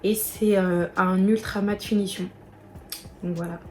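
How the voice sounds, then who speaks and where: A woman's voice: medium pitch, steady tone, measured pace, dark tone, a little hiss or hum. A young woman walking viewers through a casual makeup tutorial, chatty and talking straight to them. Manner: chatty, addresses viewers directly. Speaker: beauty vlogger.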